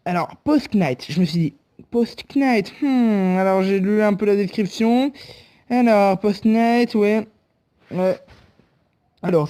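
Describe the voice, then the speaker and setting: A man's voice: high-pitched, warm tone. A young man rambling through a casual game review, joking and mocking himself. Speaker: YouTuber reviewing a mobile game.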